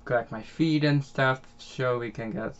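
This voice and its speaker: A young Dutch gaming channel host from the Netherlands gives casual gameplay commentary at home, rambling with lots of fillers and restarts and chuckling often. His medium-pitched voice is unhurried, and the home microphone sounds muffled.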